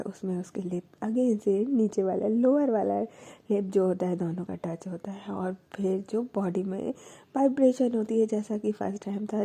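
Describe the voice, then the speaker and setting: Woman storyteller, casual chatty narration, dark mellow voice, slightly husky. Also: medium pitch. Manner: conversational, with fillers and self-corrections.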